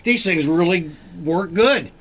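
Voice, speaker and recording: A man's voice: animated, measured pace, fairly bright tone. An older man with an Arkansas accent explaining his hands-on tinkering in a casual, folksy way, restarting his sentences as he goes. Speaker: tinkerer demonstrating his modified heater. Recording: noisy vehicle-like rumble behind voice.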